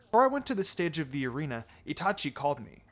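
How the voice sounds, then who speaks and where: A man reads fan fiction aloud as a dramatic, theatrical narrator, acting out the dialogue over background music. His voice is fairly high, bright, and sing-song, and he talks fast.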